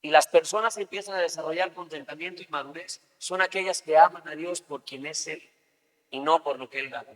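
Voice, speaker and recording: A man's voice: fairly high pitch, brisk, a bit bright. A man preaching a sermon as pastor, talking conversationally and acting out everyday scenes. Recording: long reverb of a large hall.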